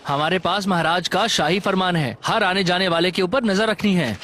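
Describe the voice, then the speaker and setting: A man's voice: high voice, moderate pace, bright, forceful tone, slight background noise. A man voicing a stern male checkpoint officer who gives curt commands in a film dub. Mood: commanding.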